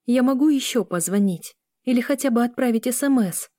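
A woman's voice: fairly high pitch, fairly quick, dark tone, dry recording, clean studio sound, pitched above the performer's own voice, lightly acted. Woman doing a tearful young daughter. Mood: pleading. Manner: pleading, shaky.

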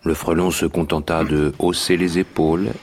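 A man narrating a children's story in a radio drama, with an even storytelling delivery. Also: low voice, normal speed.

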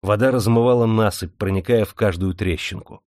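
A man's voice: fairly low pitch, no echo. Male audiobook narrator, dry close voice. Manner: steady, measured storytelling. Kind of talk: scripted narration. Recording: dry studio audiobook recording.

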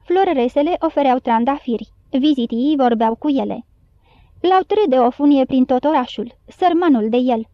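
A woman narrating an audiobook of a children's novel in a steady storytelling manner. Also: high-pitched, no echo, muffled recording. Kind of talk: scripted narration.

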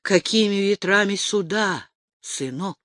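A woman voicing a gentle old father who speaks low and sorrowfully with sighs. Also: measured pace, no echo, clean studio sound, lightly acted.

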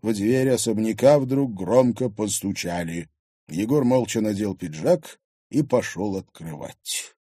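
Dark-voiced male audiobook narrator. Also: lowish voice, animated, a little slow, slightly rough, no echo, clean studio sound. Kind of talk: scripted narration.

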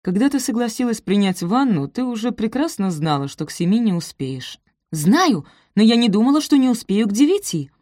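An eager young woman in love, voiced by a woman reading aloud spills out breathless, high exclamations. The tone is soft and mellow, and close and dry. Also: sing-song, fairly quick, no room sound. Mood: insistent.

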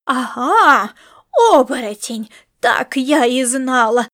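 A woman's voice: high-pitched, steady tone, measured pace. A woman voicing a fierce, superstitious old grandmother in an audiobook, scolding shrilly and then sobbing. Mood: furious. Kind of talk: audiobook character voice.

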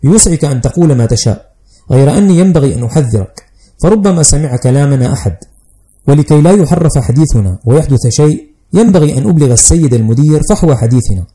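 A man's voice: on the high side, expressive, fast, warm tone, close to an everyday voice. A man voicing a fussy, fearful older male schoolteacher who lectures anxiously and primly, in an audiobook reading. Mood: anxious warning.

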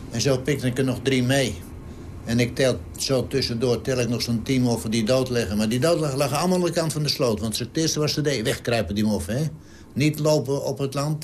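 A man's voice: mid-range voice, a little hiss or hum. A man in his nineties, a war veteran, telling his story in an interview in a blunt, salty way and acting out the dialogue. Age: 90s. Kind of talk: vivid wartime storytelling interview.

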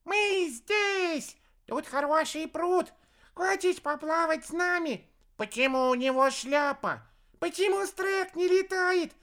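Squealing tiny otter kids. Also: male voice, very high-pitched, pushed and bright, pitched above the performer's own voice, heavily acted. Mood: excited. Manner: rapid chattering squeals. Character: tiny squeaky otter-like creature children, excited.

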